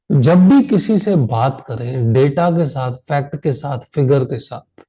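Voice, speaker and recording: An Indian man runs an online training on selling insurance, worn out after a long meeting. He talks slowly and repeats key phrases to stress them, in a mellow, mid-range voice, and the audio quality is poor.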